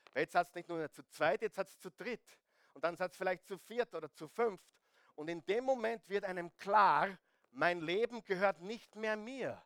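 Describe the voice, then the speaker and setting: Animated high-voiced male preacher. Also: no room sound, studio quality. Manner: animated, addresses listeners directly with rhetorical questions; humorous asides. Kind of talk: sermon on marriage.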